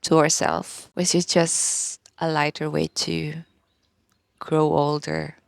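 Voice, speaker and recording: A woman in her thirties with a Filipino accent talks in a soft, unhurried ASMR style, pausing often and starting sentences over. Her voice is low and heavily gravelly with fry, slow in pace, and recorded dry and close with no room sound. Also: little pitch movement, no room sound. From Philippines. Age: 30s. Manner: slow and gentle, with pauses and restarts. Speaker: ASMR vlogger. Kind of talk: soft-spoken ASMR talk.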